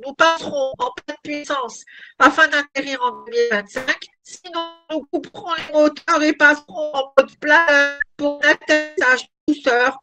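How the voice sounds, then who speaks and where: A woman's voice: high voice, pushed and bright, poor audio. A woman playing an airline captain, giving a formal cabin announcement as if over the intercom.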